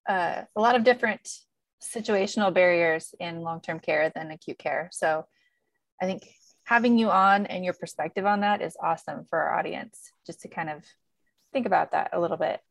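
A woman's voice: fairly low pitch, moderate pace, vocal fry, no room sound. A woman co-hosting a podcast, asking her guest questions in a friendly way. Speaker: podcast co-host. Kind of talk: podcast interview.

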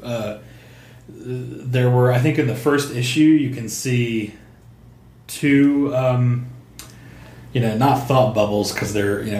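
A man co-hosting a podcast, chatting casually about comics, halting with fillers and restarts. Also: mid-range voice, slight background noise. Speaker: podcast co-host. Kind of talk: casual comic book chat. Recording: roomy untreated room sound.

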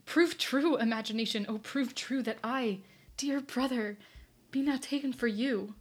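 A woman's voice: fairly high pitch, a little slow. A woman playing a hopeful young woman in disguise in a stage play, earnest and reflective.

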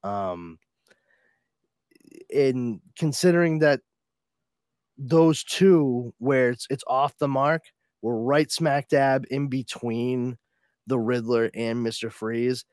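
A man's voice: medium pitch, slow, pauses often, a little mellow, no room sound. A man co-hosting a podcast, talking casually about a comic book and sometimes acting out quoted lines with a raised voice. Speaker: podcast co-host.

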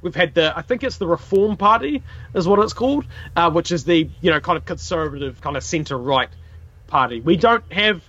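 A man's voice: on the high side, lively intonation, a little fast, fairly bright tone, no echo, muffled recording. A man with a broad New Zealand accent telling history casually as a podcast host, colloquial and sweary.

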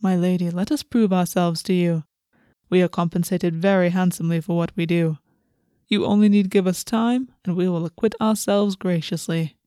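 A woman plays an aristocratic fae man from a fantasy audiobook. The voice is soft-edged and mellow, calm and courtly, with measured formal phrasing and a quietly sinister politeness, recorded close and dry. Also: fairly low pitch, clean tone, dry recording, close to an everyday voice. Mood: gracious, deferential.

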